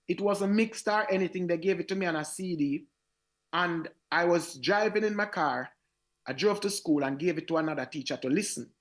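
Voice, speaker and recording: A reggae singer with a Jamaican accent tells his story as a guest on a radio interview. His raspy voice sits high, and he speaks with animated energy, often doubling back to repeat words as he goes.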